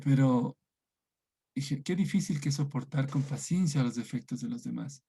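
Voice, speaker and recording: Man teaching a religion class, husky. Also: medium pitch, moderate pace, warm tone. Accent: Ecuadorian Spanish. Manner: conversational, often asks "¿no?" to the class. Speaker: catechism teacher.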